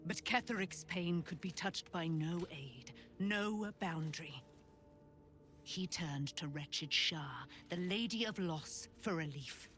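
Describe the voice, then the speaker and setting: Slow, grand, declaiming warrior woman. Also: fairly low pitch, a bit bright. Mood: bitter, grieving. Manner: grand, declamatory, archaic phrasing. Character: exalted female warrior, grand, devout and vengeful. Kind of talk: video game dialogue, theatrical declamation. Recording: music behind the voice.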